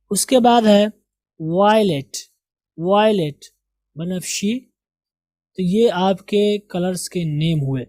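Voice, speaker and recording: A man teaching English vocabulary, repeating each word slowly and correcting pronunciation. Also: sits high, mellow, dry recording. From India. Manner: slow, drills each word several times.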